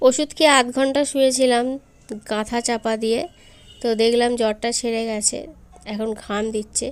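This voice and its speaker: Young woman, feverish; homey vlog, coaxing toddler talk, a touch high. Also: steady tone, moderate pace, clear, resonant tone. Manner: coaxing baby talk to a toddler, then chatty to viewers. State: unwell with fever. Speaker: vlogger. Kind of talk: casual home vlog. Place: home, bedroom and kitchen.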